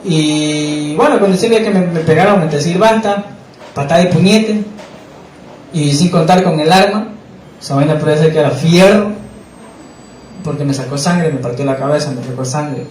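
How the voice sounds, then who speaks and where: A man recounts his personal testimony, stumbling and repeating words as he goes. His voice sits a bit high. He is heard from a distance in a reverberant church room with faint background noise. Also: darkish tone. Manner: halting, repeats words, emotional retelling. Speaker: church member giving testimony. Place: church hall.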